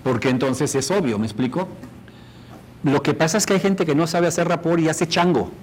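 A man's voice: on the high side, normal speed, slight background noise, low-quality recording. A man teaching a workshop on rapport, demonstrating and often asking the audience questions. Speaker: instructor.

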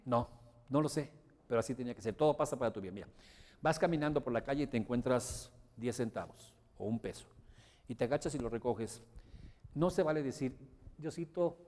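A man leading a motivational seminar, emphatic and often asking his audience whether he is being clear. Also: mid-range voice, darkish tone. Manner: emphatic, checks understanding with rhetorical questions. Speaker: motivational course instructor. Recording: long hall reverb.

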